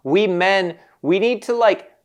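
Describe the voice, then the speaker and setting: A man's voice: high-pitched, takes it slowly, smooth. A man co-hosting a candid conversation, explaining in a frank, casual way and acting out the voices he quotes. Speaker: podcast co-host, therapist.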